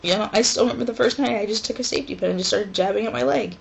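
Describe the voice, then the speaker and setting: A woman in her twenties talking haltingly and emotionally in a personal vlog from her dorm room, with pauses and sighs. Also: fairly high pitch, vocal fry, slight background noise, poor audio. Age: 20s. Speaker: vlogger.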